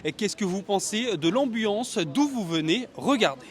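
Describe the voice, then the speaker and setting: High-voiced man reporting a street interview. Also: animated, moderate pace. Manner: friendly, clear questions. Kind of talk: vox-pop interviewing.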